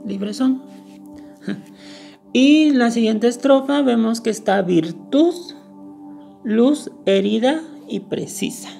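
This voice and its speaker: A woman teaches a lesson at an unhurried pace, going through each point in turn. Her voice is low-toned and mellow, with a gravelly edge, and she often repeats the key word to make it stick. Soft music plays faintly behind her. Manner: explains step by step, repeating key words. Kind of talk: screen-recorded lesson.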